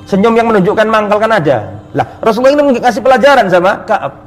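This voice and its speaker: Animated high-voiced male preacher. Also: quick pace, faint music behind. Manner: animated, conversational, mixes in Arabic recitation. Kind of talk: religious lecture with storytelling.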